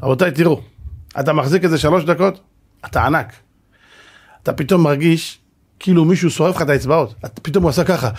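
A man's voice: fairly high pitch, pauses often, breathy edge. A man, a rabbi, giving a sermon-style Torah lecture before a live audience, telling a story dramatically and asking the listeners rhetorical questions.

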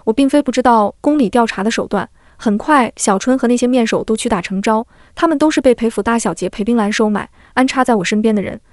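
A woman reads a historical romance audiobook as scripted narration, in a fairly high voice and at a brisk, rapid pace. Every character comes out in the same even reading voice, and the recording is close and dry, with no room sound. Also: dry recording. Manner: reads all characters in one steady voice.

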